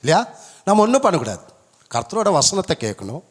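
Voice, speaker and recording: A male pastor preaching a sermon, driving points home with rhetorical questions and high emphatic peaks. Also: very animated, moderate pace. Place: church hall. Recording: long church hall reverb.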